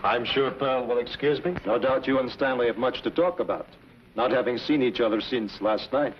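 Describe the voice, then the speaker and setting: A man's voice: medium pitch, moderate pace, natural voice. Man acting a mocking cold villain, formal speech, mid voice, dull old TV audio. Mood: scornful. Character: sneering, menacing man, cold and scornful. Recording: dull 1950s TV soundtrack with faint hiss.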